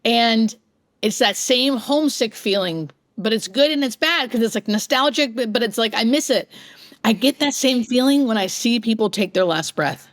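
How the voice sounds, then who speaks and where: A woman speaking as an interview guest, earnest and informal, sharing personal reflections in an expressive, conversational way. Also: fairly high pitch, normal speed, no room sound, studio quality. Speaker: interview guest, hospice nurse.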